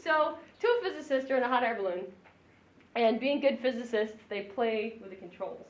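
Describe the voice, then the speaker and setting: A woman physics lecturer teaching a class, animated and joking, chuckling between her points. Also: on the high side, normal speed. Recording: echoey, dull lo-fi room recording.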